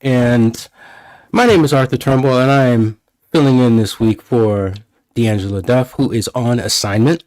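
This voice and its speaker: A man filling in as host of an online music talk show, chatting in a relaxed, self-deprecating way on a home microphone. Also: mid-range voice, moderate pace, low-quality recording. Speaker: fill-in host. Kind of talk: casual podcast chat.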